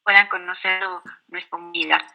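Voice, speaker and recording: A woman's voice: fairly low pitch, steady tone, fairly quick, creaky, bright, forceful tone, faint music behind. A woman giving a courteous online lecture as a guest speaker, her video-call audio glitching and cutting out. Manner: courteous, thankful, filler-heavy. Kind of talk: online academic talk.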